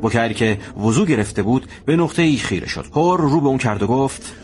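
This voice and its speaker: A man narrating a historical story in a measured, conversational storytelling manner. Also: mid-range voice, expressive, darkish tone.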